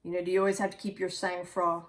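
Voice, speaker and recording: A woman's voice: medium pitch, completely flat delivery, very fast, darkish tone. A woman giving a casual, reflective tarot reading, musing aloud and correcting herself as she goes. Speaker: tarot reader.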